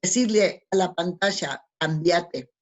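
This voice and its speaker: A woman's voice: fairly low pitch, lively intonation, moderate pace, a little mellow. A woman gives a lecture with slides as a spiritual teacher. She teaches didactically, asks rhetorical questions and answers them herself, and often adds tag questions.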